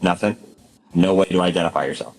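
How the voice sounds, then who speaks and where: Low, fast-talking male police officer. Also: a little hiss or hum, poor audio. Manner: blunt, skeptical questioning. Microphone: police bodycam.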